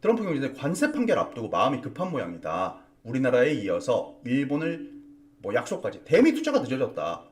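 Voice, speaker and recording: Animated male market commentator. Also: medium pitch, fairly quick, recorded from a distance. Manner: emphatic, repeats key words for stress. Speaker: stock market strategist and host. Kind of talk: morning market commentary broadcast. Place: broadcast studio.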